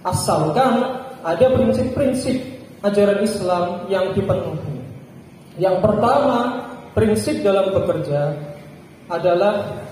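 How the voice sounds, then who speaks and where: High-voiced man preaching in an echoey hall. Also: a little mellow, a little hiss or hum. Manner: measured phrasing in short pauses. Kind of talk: Friday sermon. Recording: echoey hall with long reverb.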